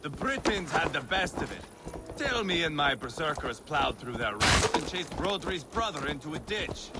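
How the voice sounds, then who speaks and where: A man's voice: a little high, sing-song, normal speed, very noisy. A man voicing a brash, scarred Viking warlord who talks in a crude, mocking, taunting way in video game dialogue. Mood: scornful.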